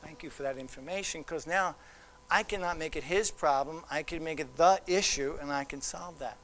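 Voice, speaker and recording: A man giving a presentation to parents, animated and teasing, acting out what others might say. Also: a little high, moderate pace, a little hiss or hum. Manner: animated, teasing, acts out quoted voices. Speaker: child development specialist.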